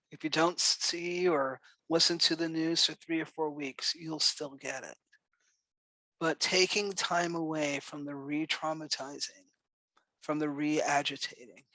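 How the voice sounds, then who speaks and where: Man with a New York accent, meditation teacher, gentle and encouraging, fairly high voice, steady even pitch. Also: no room sound. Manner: gentle, encouraging, unhurried with pauses. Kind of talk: dharma talk to a meditation group.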